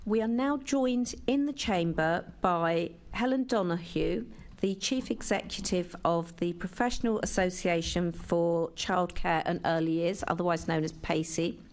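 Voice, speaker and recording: A woman's voice: lowish voice, measured pace, darkish tone. A woman chairing a council committee meeting in a chamber, running formal procedure with occasional hesitant restarts.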